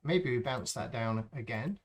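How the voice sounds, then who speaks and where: A man hosting a live stream, calmly talking through a sound-design process step by step and thinking aloud as he works. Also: mid-range voice, a little hiss or hum. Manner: slow, thinking aloud as he works, with frequent ums. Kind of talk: unscripted tutorial walkthrough.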